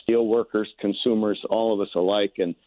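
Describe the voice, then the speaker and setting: A man's voice: lowish voice, fairly even intonation, moderate pace, dry recording. An American man giving political interview answers as a candidate over a phone line, in folksy stump-speech phrasing with hesitant repeats. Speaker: political candidate, radio guest. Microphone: telephone. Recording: narrow tinny phone line.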